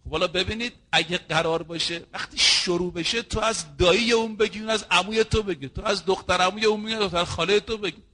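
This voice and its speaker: High bright-voiced male preacher. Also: few pauses. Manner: storytelling, acting out quoted dialogue; addresses listeners directly as brothers and sisters. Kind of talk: sermon.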